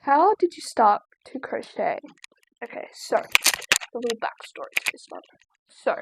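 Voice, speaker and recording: An eighteen-year-old Australian woman who vlogs about crochet chats casually from a chair at home, rambling with plenty of likes and ums. Her voice is a little high and sing-song, with vocal fry, at a normal speed. The recording is very noisy.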